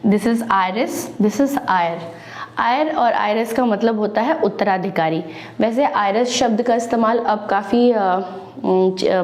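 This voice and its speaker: A woman teaching English pronunciation at a whiteboard, speaking slowly, spelling out words and examples, with fillers and self-corrections. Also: medium pitch, a little mellow. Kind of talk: classroom lesson at a whiteboard.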